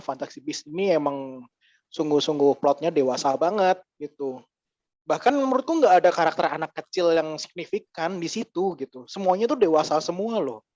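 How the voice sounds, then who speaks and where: A man talking casually as a podcast guest, ranting with quick asides. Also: on the high side, a little mellow, no room sound, muffled recording. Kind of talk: casual chat.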